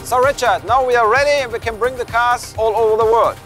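A man's voice: very high-pitched, brisk, fairly bright tone, soft background music. A German man working at a rail yard, speaking English with a German accent, brief and helpful.

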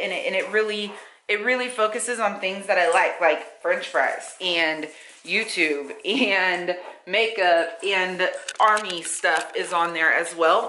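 Bright-voiced young woman vlogging casually. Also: mid-range voice, roomy sound, a little hiss or hum. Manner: chatty, rambling with restarts and fillers. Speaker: YouTuber. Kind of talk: casual vlog talk to camera. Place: home room with bare walls.

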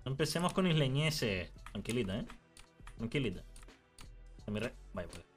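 Speaking in a mid-range voice with a Canarian Spanish accent, this young man teases and spins animated stories as he games on stream, his mood shifting fast. There's faint music in the background.

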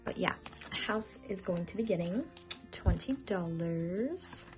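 A woman's voice: on the low side, animated, slow. Chatty young woman counting cash. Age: 20s. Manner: chatty, counting bills aloud, easily flustered. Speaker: budgeting vlogger. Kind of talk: casual cash-stuffing vlog. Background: background music.

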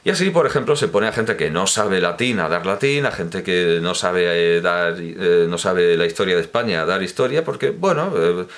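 A man's voice: sits low, expressive, moderate pace, hardly any pauses, fairly bright tone. A man giving a pedantic, corrective spoken monologue, explaining points at length with hesitations and restarts. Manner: lecturing, didactic explanation. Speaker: commentator on language teaching. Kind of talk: spoken monologue, opinion talk.

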